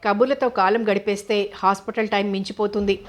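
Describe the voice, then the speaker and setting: Woman doing young bride, coy and spirited, even tone. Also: medium pitch, quick pace, lightly acted. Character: young woman, a lively, shy newlywed wife.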